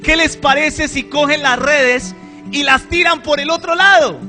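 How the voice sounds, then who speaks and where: A man's voice: fairly even intonation, a little slow, soft background music, heavily acted. A man voicing Jesus as a kindly figure calling out from a lakeshore. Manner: high, loud and drawn out.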